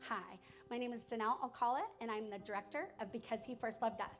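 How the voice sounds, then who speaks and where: A woman directing a nonprofit, narrating a promotional video in a measured, polished way. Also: on the high side, fairly even intonation, soft background music.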